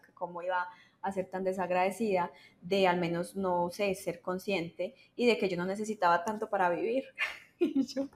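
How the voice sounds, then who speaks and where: A young Colombian woman casually recounting her early work experience, animatedly acting out the lines of people in her story. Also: medium pitch. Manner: animated, acts out quoted dialogue. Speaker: webcam model guest.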